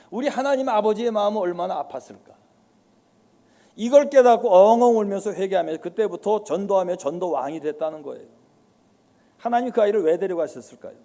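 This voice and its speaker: A man's voice: high voice, mellow. A male pastor preaching a sermon to a congregation, telling stories and acting out the dialogue, then exhorting the listeners directly.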